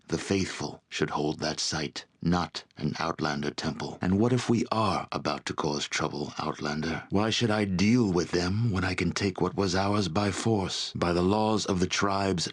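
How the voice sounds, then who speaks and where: A male actor voices a domineering barbarian chieftain carrying a dragon's spirit for a video game, his gravelly tone full of imperious contempt. Sitting low, the voice moves at a measured pace with hardly any pauses, stern and defiant in mood.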